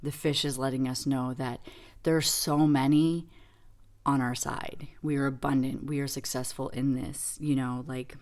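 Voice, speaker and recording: Woman, very deep voice, tarot reader, casual and reflective, rambling with fillers. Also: level tone, normal speed, a little mellow. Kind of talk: casual tarot reading demo.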